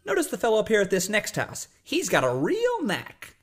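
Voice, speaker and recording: A woman's voice: medium pitch, huge pitch swings, moderate pace. A woman playing a bossy, cynical, folksy schemer who coaches a youngster in a children's cartoon adventure. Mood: approving.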